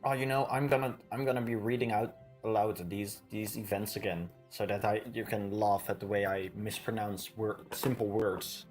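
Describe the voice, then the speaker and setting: A man's voice: on the low side, fairly even intonation, normal speed, hardly any pauses, a little mellow, soft background music. A man with a lisp who pronounces th as f, chatting casually as he plays a game with friends. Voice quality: lisp, says th as f. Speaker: player reading game events aloud to chat. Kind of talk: casual gaming commentary with friends.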